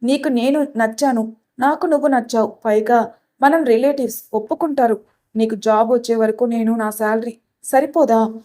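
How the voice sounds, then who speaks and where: Pleading lovesick young woman, read by a woman, soft mellow voice. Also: on the high side, moderate pace, close to an everyday voice. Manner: pleading, emotional.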